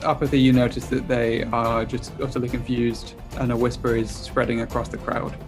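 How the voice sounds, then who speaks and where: A man narrating as game master in a laid-back, chuckling way. His pitch stays flat and even, and faint music runs underneath. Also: moderate pace.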